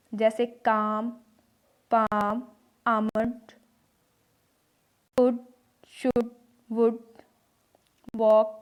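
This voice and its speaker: Female English tutor, slow and deliberate, repeats each example, voice sits a little high. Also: darkish tone. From India. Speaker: English teacher. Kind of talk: explaining English pronunciation in Hindi.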